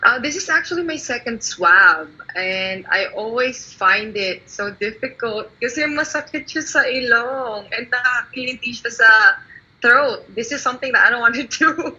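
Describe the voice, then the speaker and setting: Giggly, husky Filipina candidate. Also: female voice, a little high, normal speed, pauses often, sharp tone, highs cut off. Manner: giggly, mixes Tagalog into English. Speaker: pageant candidate.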